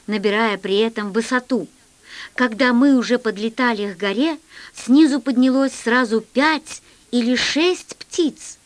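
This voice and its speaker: A woman narrating a children's science fiction story in an expressive storytelling manner. Her voice sits fairly high. Her reading is scripted and even. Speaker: audiobook reader.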